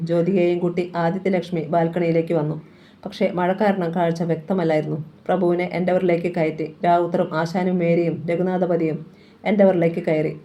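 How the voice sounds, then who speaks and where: A woman narrates a crime thriller in a low, mellow voice. Her reading is dramatic, and she lifts her voice at the story's tense moments. The delivery is steady and scripted. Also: highs cut off. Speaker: novel reader.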